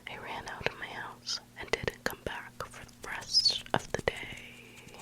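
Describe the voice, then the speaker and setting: Intimate close-up ASMR whisper. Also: measured pace. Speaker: ASMR host reading online stories. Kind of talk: whispered ASMR bedtime reading of spooky stories. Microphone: very close microphone.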